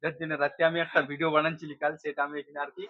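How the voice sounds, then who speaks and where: A man's voice: a little high, flat delivery, very fast, no room sound, dull audio. A young man narrating a casual travel vlog aboard a ferry, guiding viewers along with lots of fillers. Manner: chatty, guiding, frequent fillers. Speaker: vlogger.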